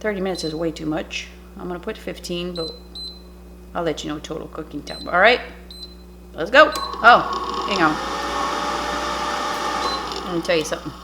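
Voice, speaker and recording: A woman's voice: on the low side, moderate pace, pauses often, background noise. A woman whose first language is French, a cooking YouTuber chatting and rambling through an air-fryer demo in her home kitchen. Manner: chatty, rambling, self-interrupting.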